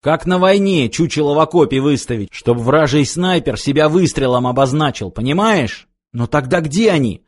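A man's voice: fairly high pitch, expressive, moderate pace, few pauses. Man narrating an audiobook steadily. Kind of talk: scripted narration.

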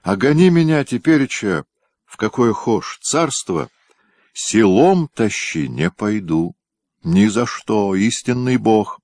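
A man doing rough folksy palace guards. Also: sits low, dry recording, studio quality, voice pushed up, exaggerated voice. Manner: folksy peasant speech, loud and raised. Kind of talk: audiobook reading.

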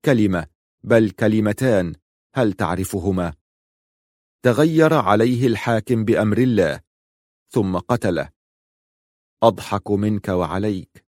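Man reading a story out loud, grave and mournful, dry close sound. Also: fairly low pitch, expressive, a little slow, long pauses, dry recording. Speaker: narrator. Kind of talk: dramatic audiobook reading.

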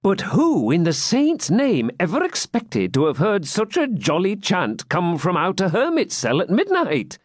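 A man's voice: high voice, wildly swooping pitch, unhurried, few pauses, dry recording, studio quality, voice pushed up, full character voice. A man playing a sly mocking jester. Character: wry male jester, mocking and playful.

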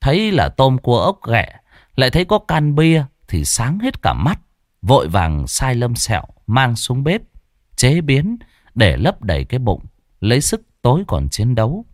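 A man narrating a ghost story with a lively, theatrical delivery. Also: medium pitch, measured pace, no echo, clean studio sound.

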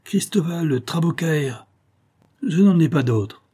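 A man voicing a bold, proud young bandit chief who speaks with calm contempt and barks orders in an audiobook tale. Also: a little high, takes it slowly, breathy edge, pitched above the performer's own voice, exaggerated voice. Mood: scornful. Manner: contemptuous, commanding.

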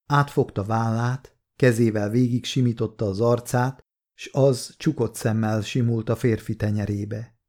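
A man narrating a novel as an audiobook, reading in a calm, measured way. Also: medium pitch. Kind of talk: scripted narration.

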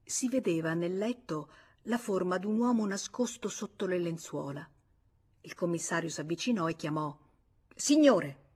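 A woman narrating a classic novel as an audiobook reader, in a measured, even storytelling manner. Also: fairly low pitch, husky.

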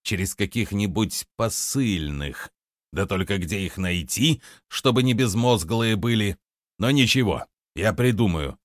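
A man's voice: fairly low pitch, animated, a little slow, dry recording, clean studio sound. A man voicing a greedy, brutal bandit in an audiobook, growling threats and barking orders. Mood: muttering. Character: greedy brutal male bandit, middle-aged, snarling. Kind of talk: audiobook character reading.

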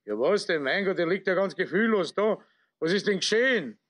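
A man's voice: a little high, a little fast, no echo, natural voice. A man voicing a flustered, inquisitive Austrian café manager who asks anxious questions in an agitated manner.

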